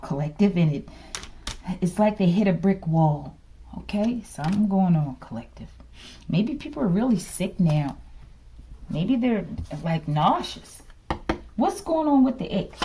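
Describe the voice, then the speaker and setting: A woman's voice: mid-range voice, mellow, slight background noise. A woman giving a casual tarot reading, speaking bluntly and dramatically and checking in with her listeners. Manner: emphatic, keeps checking in with listeners. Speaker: tarot reader.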